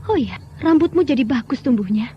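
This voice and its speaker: Old radio drama: a soothing, playful young married woman fighter; high-pitched, muffled lo-fi recording under faint music. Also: expressive, a little fast. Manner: gentle, teasing, soothing. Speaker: Dewi Astini, a radio drama character.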